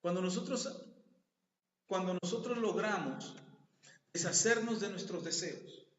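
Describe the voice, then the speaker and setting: A man's voice: sits high, a little slow, fairly bright tone. A man preaching a sermon, telling stories in a conversational way and asking the congregation questions, in a church hall. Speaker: pastor. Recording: echoey hall, dull sound.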